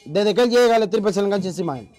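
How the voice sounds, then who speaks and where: A man, an interview guest telling a story in a casual, animated way and acting out the voices he quotes. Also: sits high, rapid-fire, soft background music, poor audio.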